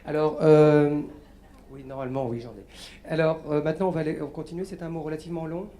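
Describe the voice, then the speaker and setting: A man's voice: a little high, fairly even intonation, brisk, mellow, slight background noise. A man performing a live mind-reading demonstration as a radio guest, patiently guiding a volunteer and reciting letters one by one. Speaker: stage mentalist guest.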